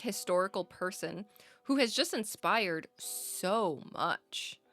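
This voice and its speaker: A woman's voice: medium pitch, expressive, slow, a bit bright, faint music behind. A woman chatting casually on a podcast. She rambles, laughs often and keeps asking "right?". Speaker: podcast co-host. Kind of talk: casual chat.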